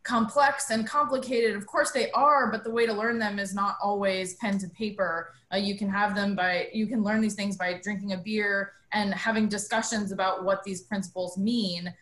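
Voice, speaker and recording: A young woman from New Mexico, guest on an interview, recounts her path in an earnest, reflective way with thoughtful pauses. Her voice sits at an ordinary pitch and rings in a roomy space. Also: fairly even intonation, a bit bright. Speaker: bar owner and guest. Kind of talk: interview conversation. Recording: roomy echo.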